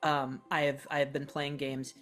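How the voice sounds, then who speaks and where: A podcast co-host in their thirties talking reflectively and casually, halting and self-correcting as they go. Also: mid-range voice, flat delivery, a bit bright, faint music behind. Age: 30s. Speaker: podcast co-host and role-playing game player.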